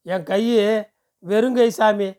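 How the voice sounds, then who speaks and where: A man's voice: sits high, slow pace, darkish tone. A man voicing a distressed, pleading poor village woman who talks anxiously.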